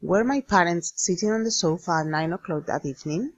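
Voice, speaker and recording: A woman explaining an English grammar lesson in a slow, deliberate manner, spelling out letters. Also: on the low side, animated, no room sound, lo-fi sound. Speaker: English teacher.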